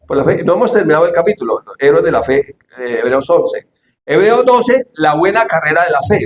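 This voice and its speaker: A male pastor delivering an animated sermon, shouting the quoted lines and asking the congregation questions. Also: high-pitched, echoey room, a little hiss or hum. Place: church hall.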